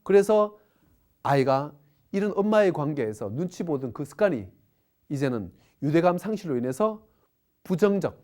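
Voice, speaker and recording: A woman's voice: low voice, sing-song, normal speed, warm tone. A middle-aged woman giving a parenting lecture, asking the audience rhetorical questions. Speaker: parenting educator.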